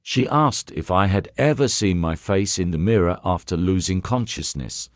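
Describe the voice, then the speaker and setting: A man's voice: sits low, lively intonation, moderate pace, dry recording, clean studio sound. A man voicing a frightened young woman nurse who answers hesitantly. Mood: nervous.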